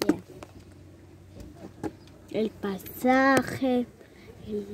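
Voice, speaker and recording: A woman with an Argentine accent chatting excitedly in a van, repeating words. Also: high voice. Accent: Argentine Spanish. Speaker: family member on the trip. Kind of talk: casual chat. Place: inside a parked van. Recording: noisy camera audio in a van.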